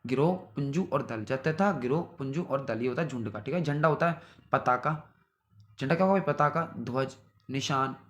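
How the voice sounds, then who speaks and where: A man's voice: medium pitch, normal speed. A young man teaching exam-prep vocabulary, repeating word lists and checking in with his students after each one. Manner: repetitive, drilling word lists with "theek hai bhai". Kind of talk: synonym revision lesson.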